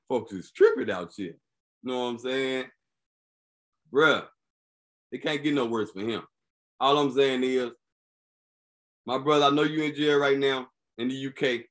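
A man's voice: mid-range voice, a little slow, long pauses. A man hosting a podcast, riffing on news stories in a casual, comedic, slangy way and constantly checking in with the listener. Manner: animated, slangy, keeps asking "you feel me". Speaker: podcast host.

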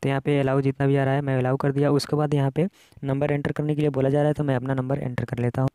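A man's voice: mid-range voice, level tone, quick pace, mellow, clean tone, no room sound. A man with an Indian accent hosting a casual app tutorial, explaining things step by step in a repetitive way. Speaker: tech tutorial host.

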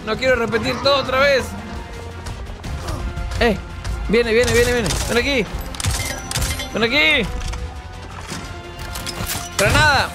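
A high-pitched man narrates his own gameplay in a loose, chatty way. He gets excited fast, yelling at enemies and grumbling at the game. Game music plays steadily behind him. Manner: excitable, shouts and curses at the game. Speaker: gaming channel host. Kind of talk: casual gameplay commentary. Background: game music and gunfire.

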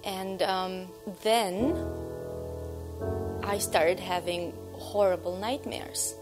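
A woman in her thirties from Romania, a church member telling her personal testimony on camera, measured and reflective, with "um" pauses. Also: mid-range voice, steady tone. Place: indoor room. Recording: music bed underneath.

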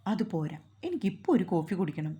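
A woman's voice: lowish voice, sing-song, quick pace, mellow, slightly rough. A woman storyteller voicing a playful young wife who teases and coaxes her husband. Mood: coaxing. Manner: coaxing, pleading, playful.

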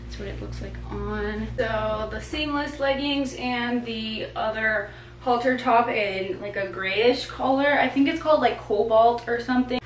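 A young woman in her twenties chats in a bubbly, casual way for a home vlog set in her bedroom and living room. A camera mic across the room captures her a little high, a little slow voice in an echoey space with soft background music, and the audio is poor.

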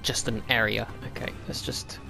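A man commenting on a game he is playing, excitable, swearing and muttering to himself. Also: on the low side, moderate pace, gravelly. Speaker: gaming YouTuber. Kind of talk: let's-play commentary.

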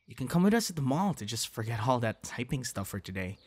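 This ASMR roleplay features a young adult man, fast-talking with big pitch swings at a medium pitch, playing a friendly, coaxing young guy. The dialogue is one-sided toward the listener, earnest in manner and dotted with sighs and breathy sounds.

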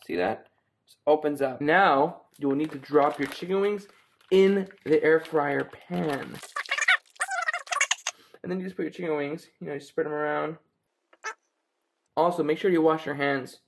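In his home kitchen, a young man with a fairly high voice hosts a joking cooking tutorial, chatting offhandedly and playfully to the camera as he works. A wide-angle camera mic on the counter records him amid a noisy background.

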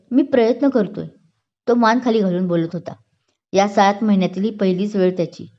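A woman storyteller reading a love story in a steady, descriptive way. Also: medium pitch. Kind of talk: scripted story narration. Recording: dull lo-fi recording.

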